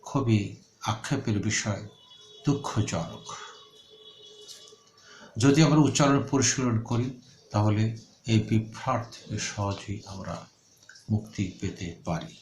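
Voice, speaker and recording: Slow, deliberate male professor lecturing. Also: lowish voice, darkish tone. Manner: slow, deliberate, enunciating each example sound. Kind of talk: measured spoken lecture. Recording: echoey room with faint ambient noise.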